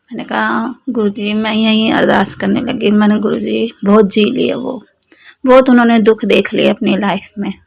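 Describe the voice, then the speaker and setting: A young woman with a Delhi Hindi accent and a slightly sore throat, sharing a devotional testimony with fervent, personal warmth as she speaks directly to the congregation. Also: mid-range voice, creaky. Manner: addresses listeners as sangat ji, fervent and personal. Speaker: devotee sharing satsang experience.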